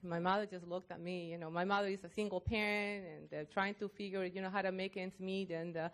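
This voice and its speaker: A woman in her fifties from Costa Rica, a NASA civil servant telling her story on a panel in an earnest, halting way with many fillers. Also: medium pitch, fairly even intonation. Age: 50s. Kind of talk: panel talk, personal story.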